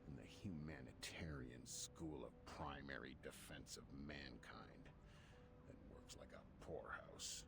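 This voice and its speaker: A calm, cryptic game character with a very deep, gravelly voice. He explains things in a dry, measured way, with a faint sarcastic edge. The game dialogue sounds studio-clean. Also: faint music behind, full character voice. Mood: wry. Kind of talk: game voice acting.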